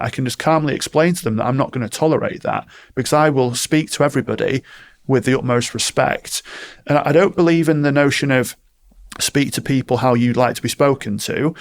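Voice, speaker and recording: Male coach, calm and firm, gravelly voice, storytelling interview answers. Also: mid-range voice, a little fast. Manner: calm, firm, explains with stories and quoted exchanges. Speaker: performance coach.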